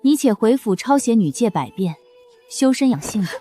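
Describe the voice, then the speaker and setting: An actress playing a haughty, scheming noblewoman with a lively, imperious way of talking in an animated drama dub. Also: a little high, moderate pace, faint music behind. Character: haughty imperial princess, then scheming young lady.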